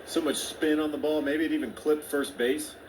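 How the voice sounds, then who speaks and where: A man's voice: a little high, steady tone, moderate pace, slight background noise, low-quality recording. A man doing baseball color commentary, talking through plays in a conversational, explaining way. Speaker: color analyst. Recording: broadcast with clear ballpark ambience.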